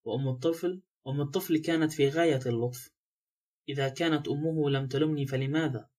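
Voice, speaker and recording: A man's voice: a little high, fast, darkish tone, natural voice. A man voicing a distraught young woman who protests her innocence in an audiobook. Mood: pleading. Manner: pleading, upset.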